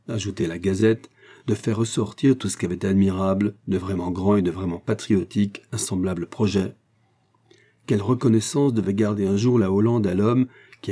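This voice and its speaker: A man narrating a classic adventure novel in a steady, measured reading. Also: deep voice, breathy edge. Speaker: audiobook narrator. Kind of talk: scripted narration.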